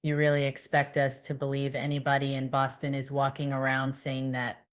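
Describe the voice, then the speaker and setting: A woman's voice: extremely low pitch, monotone, normal speed. A woman giving casual, sarcastic gossip commentary and reading news quotes aloud. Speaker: commentary vlogger.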